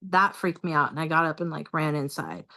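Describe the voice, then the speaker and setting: A woman talking casually as a guest, halting with many fillers and restarts. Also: deep voice, lively intonation, pushed and bright. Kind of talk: casual recorded conversation.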